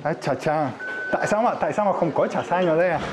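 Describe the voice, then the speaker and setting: Casting: foreign-accented man, fairly high voice, halting broken Vietnamese in casual chat, busy eatery chatter behind. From outside Vietnam, a foreigner. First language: not Vietnamese. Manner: halting, broken Vietnamese with searching and repeated words. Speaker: vlogger. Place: inside a restaurant. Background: crowd chatter.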